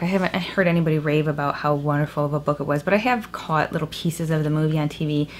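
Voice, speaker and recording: A young woman chatting casually about a book haul as a vlogger, recorded in a small room with a cave-like echo. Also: sits low. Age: young adult. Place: small indoor room at home. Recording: echoey cave-like room, clear background noise.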